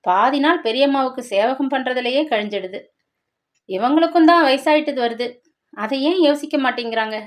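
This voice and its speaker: A woman voicing a grown son speaking on the phone in a concerned, hurried way, in a dramatic story reading. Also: sits high, lightly acted.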